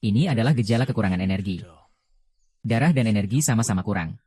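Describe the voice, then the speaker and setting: A calm young woman healer giving out remedies, voiced by a man in a low register for a dubbed drama. She speaks steadily and with authority. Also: quick pace. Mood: instructive.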